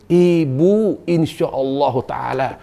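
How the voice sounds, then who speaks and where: A male preacher gives a relaxed sermon to a group of women. He talks like a friend chatting, drops joking asides and acts out little quotes. He repeats his key points over and over to drive them home. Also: on the high side, takes it slowly, gravelly. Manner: chatty and humorous, with colloquial asides and acted quotes; pleading, repeating points for emphasis. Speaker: Islamic preacher.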